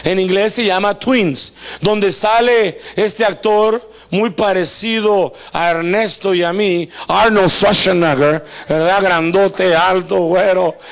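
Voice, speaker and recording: High-voiced pastor, animated. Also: male voice, takes it slowly, vocal fry, few pauses. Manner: animated and joking, acts out voices; asks the congregation questions often. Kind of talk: live Spanish sermon. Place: church service before a congregation.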